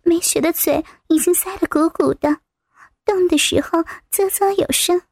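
Woman narrator, very high voice, soft breathy reading, dry close sound. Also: moderate pace, no echo. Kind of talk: adult story narration.

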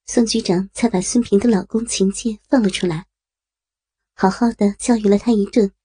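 Warm, husky female story narrator. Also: mid-range voice. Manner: steady, measured reading. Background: faint music.

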